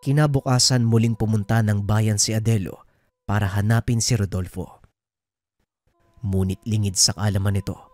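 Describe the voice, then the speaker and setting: A man tells a true horror story in steady, scripted narration. His voice sits low, and the recording is dry and close, with no room echo.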